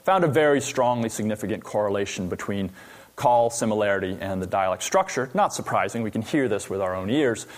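A man researcher giving an academic lecture on a stage, explaining slides with frequent pauses and fillers. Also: fairly low pitch, lively intonation.

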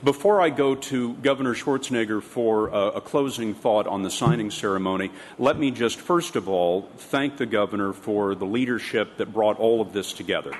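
A middle-aged man moderating a conference panel, speaking in a measured way and slowing down to stress his points. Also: on the low side. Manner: measured, slows down for emphasis. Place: large conference hall. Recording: echoey hall with faint room noise.

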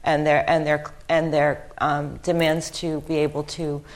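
A woman from Lebanon speaks on a discussion panel in a notably low voice. She talks thoughtfully and haltingly, stopping to restart her sentences and filling pauses with ums. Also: little pitch movement. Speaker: panel speaker, history professor.

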